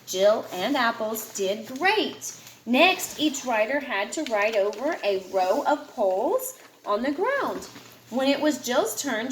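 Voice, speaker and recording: A woman with a fairly high voice reads a children's picture book aloud to a child, expressive and putting feeling into the dialogue. The room echoes and there is some background noise.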